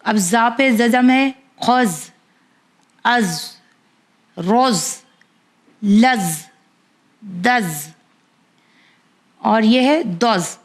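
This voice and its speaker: A woman leads a children's pronunciation lesson with a somewhat high voice. She drills each sound slowly and patiently, one syllable at a time. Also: animated. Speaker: teacher.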